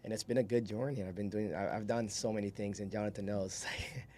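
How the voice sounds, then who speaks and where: A Brazilian man in his twenties, a solar salesman guesting on a podcast, tells his story in an easygoing, rambling, informal way, chuckling as he talks. His fairly low voice is quick and fairly even in intonation, with crowd noise in the background.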